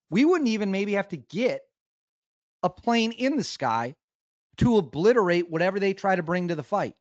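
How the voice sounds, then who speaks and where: A man's voice: fairly high pitch, no echo, highs cut off. A man hosting a commentary show, reacting to video clips with heavy sarcasm and mocking exclamations. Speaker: political commentary host.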